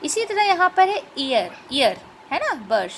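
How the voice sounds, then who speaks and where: High, lively woman teaching grammar. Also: a little hiss or hum. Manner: patient, checks in with rhetorical questions; spells out and repeats sounds slowly. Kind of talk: explanatory grammar lesson.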